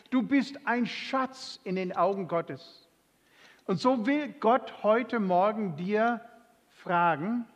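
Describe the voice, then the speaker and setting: A man preaching a sermon with a scripture reading, slow and emphatic, dropping to soft tones for quoted lines. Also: high voice. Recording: long hall reverb.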